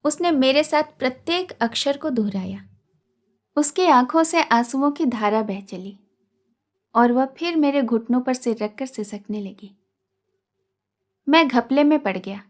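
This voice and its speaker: A woman narrates a literary short story in an unhurried, expressive reading. Her voice sits fairly high, and she lets each line land slowly.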